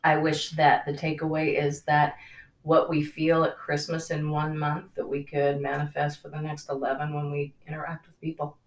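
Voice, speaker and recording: A woman's voice: deep voice, completely flat delivery, moderate pace. A woman co-hosting a podcast in casual chat, easygoing and teasing, often laughing. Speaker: podcast co-host. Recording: roomy, distant from the mic.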